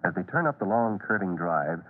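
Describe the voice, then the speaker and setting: A deep, low male narrator who describes each scene in a measured, even way. He reads a vintage radio drama, and the sound is thin and tinny like an old broadcast. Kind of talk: scripted 1940s radio narration.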